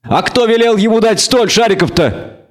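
A man's voice: sits high, animated, moderate pace, voice pushed up. A man doing Dandelion, a mocking bard. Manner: teasing, scolding. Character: mocking lively young male bard.

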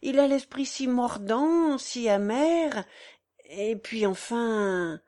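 A modest young woman, surprised and demurring, her voice high and animated as she hesitates over her answers, read by a woman narrator. She speaks slowly, with polite reluctance. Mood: embarrassed.

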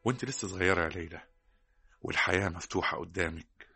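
An actor with an Egyptian accent playing a frank, consoling doctor in a vintage radio drama. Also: male voice, low-pitched, quick pace, creaky, bright, forceful tone, breathy edge, exaggerated voice. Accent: Egyptian Arabic. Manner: earnest, consoling. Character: gentle, frank male doctor consoling a young woman.

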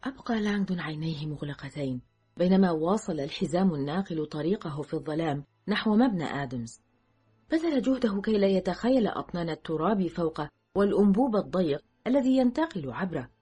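Husky low-voiced woman narrator. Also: soft background music. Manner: measured, steady storytelling. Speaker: audiobook narrator. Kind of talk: scripted audiobook narration.

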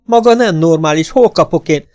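A man voicing an excitable, vain middle-aged male Russian violinist who pleads and protests in a raised, high-pitched voice. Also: vocal fry, no room sound, soft background music. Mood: pleading.

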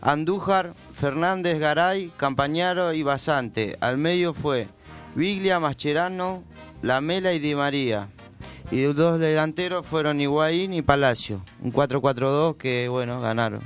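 A man's voice: fairly high pitch, measured pace, soft background music. A man with an Argentine accent reading football results and lineups on a community radio show in a plain, listing way. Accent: Argentine Spanish. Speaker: sports segment reader.

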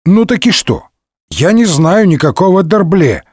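A man's voice: mid-range voice, animated, moderate pace, darkish tone, no echo, studio quality, lightly acted. A man voicing an irritable male musketeer who serves as police chief, barking with grumpy exasperation in a comic audiobook. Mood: irritated.

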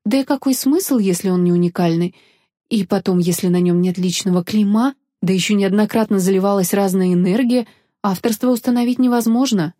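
A woman's voice: mid-range voice, fairly quick, warm tone, dry recording, studio quality, lightly acted. Woman voicing an earnest young woman artificer. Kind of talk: audiobook character voice.

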